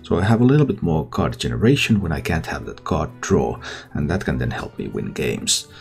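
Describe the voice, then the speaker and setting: A man's voice: rumbling low, big pitch swings, brisk, creaky. A man who hosts gaming videos, giving casual game commentary and thinking aloud. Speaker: gaming content creator and host. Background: background music.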